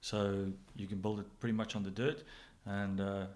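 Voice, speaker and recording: A man's voice: lowish voice, flat delivery, normal speed, a little mellow. A middle-aged man with a South African accent, giving casual interview answers as a general manager.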